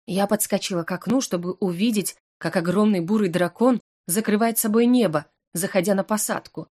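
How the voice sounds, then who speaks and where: A woman reading a first-person fantasy romance audiobook in a steady, expressive storytelling manner. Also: medium pitch. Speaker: audiobook narrator.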